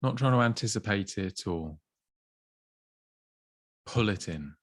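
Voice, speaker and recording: A mindfulness teacher guides a body scan in a low, calm voice, speaking slowly, gently and soothingly with long pauses between phrases. The recording is dry and close, with no echo or room sound.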